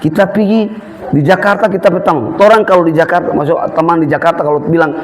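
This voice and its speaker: High-voiced pastor preaching. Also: male voice, fast talker, noisy background. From Eastern Indonesia. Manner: lively, humorous storytelling with mimicked voices. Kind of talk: sermon.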